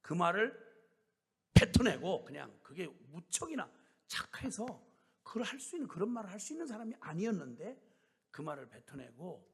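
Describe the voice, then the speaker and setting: A man preaching a sermon as a missionary, telling a story and acting out the people in it, moving between shouting and whispering. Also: high voice, big pitch swings, normal speed, creaky, slightly rough, long reverb tail. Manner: storytelling, acting out scolding dialogue.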